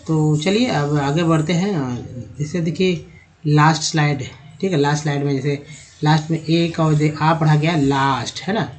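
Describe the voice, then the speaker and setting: A man teaching English pronunciation to viewers, slowly spelling out letters and sounding out words, often calling his viewers friends. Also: a little high, a little mellow. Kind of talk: explaining a lesson in Hindi.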